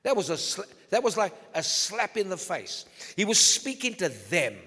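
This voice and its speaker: A male pastor preaching a sermon emphatically, swinging between loud declarations and low, intense tones. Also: very animated, moderate pace, slightly rough. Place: church hall. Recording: long hall reverb.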